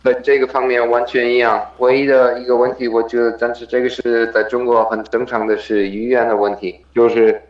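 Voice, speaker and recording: A man's voice: medium pitch, little pitch movement, a little fast, few pauses. A man who is a foreigner speaking Mandarin with a foreign accent in a conversational interview, searching for words and mixing in English terms. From abroad, not China. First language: not Mandarin. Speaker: triathlete, podcast guest. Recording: roomy echo, dull lo-fi sound.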